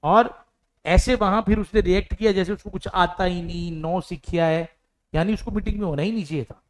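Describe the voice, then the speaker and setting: A man teaching English idioms in a mix of Hindi and English. He explains each one through an imagined little story with acted-out lines, and reads the English example sentences slowly. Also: sits high.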